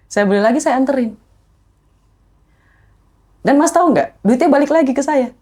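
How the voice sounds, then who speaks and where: Woman guest, animated storyteller, higher voice, re-enacts quotes. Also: normal speed, slightly rough. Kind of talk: emotional personal storytelling.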